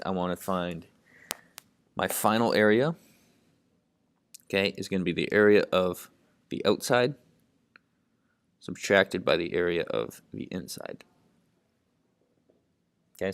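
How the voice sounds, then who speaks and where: A man's voice: low voice, no room sound. A man explaining math problems step by step, thinking aloud and saying "okay" at nearly every step. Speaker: math tutor. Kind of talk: lesson narration while writing.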